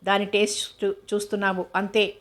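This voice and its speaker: A curt, serious young man, read by a woman storyteller. He speaks in a flat, even line and sounds irritated and terse. This is an audiobook reading. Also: mid-range voice, brisk, natural voice.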